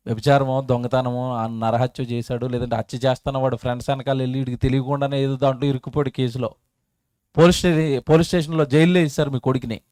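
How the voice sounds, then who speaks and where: High-voiced emotive man preaching. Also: dry recording, clean studio sound. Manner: emotive, rhetorical questions to the crowd, swings loud and soft. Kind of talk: sermon at an outdoor public meeting. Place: public meeting.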